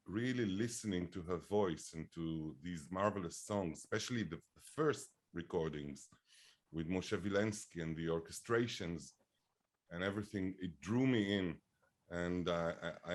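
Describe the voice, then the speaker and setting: A film director in his fifties, born in Bulgaria, answering interview questions slowly, with many fillers and restarts. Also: low-pitched. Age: 50s. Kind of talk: interview conversation.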